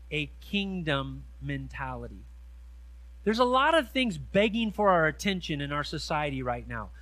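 A middle-aged man preaching a sermon in a church, reading scripture slowly and stressing key words with earnest emphasis. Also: a little high, pushed and bright, dry recording. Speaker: pastor. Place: church sanctuary. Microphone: handheld mic.

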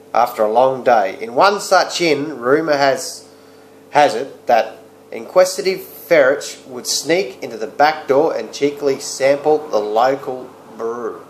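An easygoing Australian man in his thirties chats loosely through a beer review, drifting between thoughts and dropping crude slang. His mid-range voice bounces around a small, echoey room, picked up by a close webcam mic. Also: medium pitch. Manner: laid-back, rambling, crude slang. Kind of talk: casual beer review vlog. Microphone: webcam or laptop mic close up.

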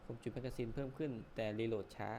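Guy from thailand yelling a bit into a crappy mic while he plays, swears a lot, noisy with clicks. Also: mid-range voice, very fast. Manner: swears often, talks loudly into a weak mic. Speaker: gameplay streamer. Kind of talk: casual gameplay commentary. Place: home room with fan and window. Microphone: weak, low-quality mic.

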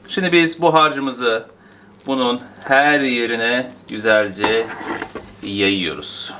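A man filming a casual cooking vlog in his home kitchen, talking in a playful, excitable way. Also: mid-range voice, slow pace, slight background noise. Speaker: cooking vlogger.

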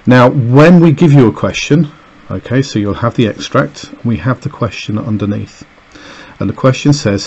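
While a camera films a page on a desk, a man's voice-over annotates and explains an extract for a lesson, peppered with fillers and "okay"s. He speaks at a medium pitch with a slightly mellow quality, and the sound is lo-fi.

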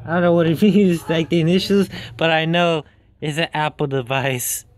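A young person chatting casually during a game, blunt and teasing, with casual swearing. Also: female voice, low voice, steady tone, normal speed, darkish tone. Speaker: gamer. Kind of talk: casual gameplay chat.

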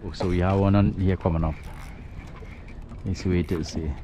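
A man with a Trinidadian accent giving chatty, excitable running commentary while fishing from a small boat. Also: low-pitched, a little fast. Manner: chatty, excitable, creole phrasing. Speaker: fishing vlogger. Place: outdoors on a small boat at sea. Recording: noisy outdoor water and wind.

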